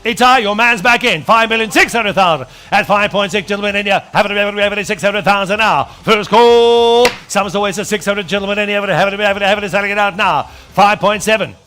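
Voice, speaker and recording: A South African man working as an auctioneer, calling bids in a rapid, repetitive chant at a live sale. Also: sits high, sharp tone, smooth. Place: live auction with online and phone bidders.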